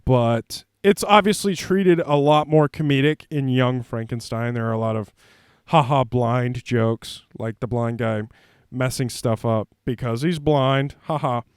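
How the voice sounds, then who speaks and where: Smooth, dry-voiced rambling movie guy. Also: medium pitch, moderate pace, no room sound. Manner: rambling, filler-heavy, jokey. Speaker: host. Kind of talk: casual movie commentary.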